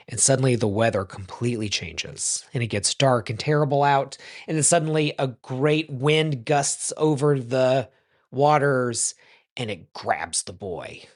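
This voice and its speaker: A rabbi teaching in a loose, chatty way, full of ums and self-corrections, who tells a joke and then explains it. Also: mid-range voice. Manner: tells jokes and explains them. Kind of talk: casual teaching talk.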